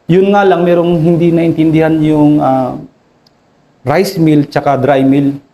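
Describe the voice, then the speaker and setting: A Filipino army officer with a Filipino accent, recounting combat in an interview, deferential and halting, adding "sir" to nearly every phrase. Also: male voice, a little high, flat delivery, highs cut off. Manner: deferential, says "sir" constantly, halting with many fillers. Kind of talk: interview storytelling.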